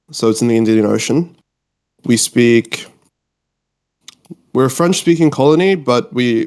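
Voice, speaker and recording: His voice sits in the mid-range, gravelly and somewhat dark. He's a twenty-year-old podcast guest, born in Mauritius, from Australia and formerly living in the UK, chatting casually and rambling informally.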